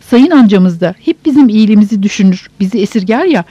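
A woman voicing a sharp-tongued, bossy older sister who scolds and nags sarcastically, in a dull, dry audiobook recording. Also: medium pitch, expressive, fast, breathy edge, no echo. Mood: scolding.

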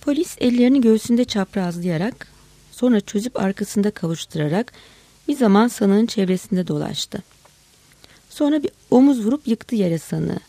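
A woman reading a story aloud at an unhurried pace, pausing now and then to correct herself. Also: medium pitch, expressive, dark tone, dry recording.

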